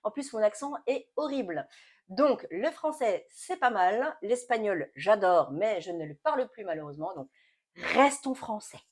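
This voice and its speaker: A woman in her late forties, chatting casually to camera as a beauty vlogger, animated and stop-start with repeated words. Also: medium pitch, a little slow, husky. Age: late 40s.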